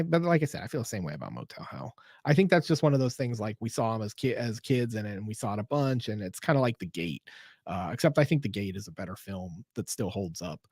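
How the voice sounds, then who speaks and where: Gravelly, animated man in his fifties. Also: fairly low pitch, no room sound, clean studio sound. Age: 50s. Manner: rambling, self-deprecating, many restarts. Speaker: livestream host. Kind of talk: casual livestream chat.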